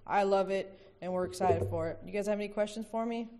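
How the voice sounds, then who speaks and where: A woman's voice: mid-range voice, steady tone, fast, dark tone. Upbeat woman presenting at a meeting. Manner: upbeat, informal.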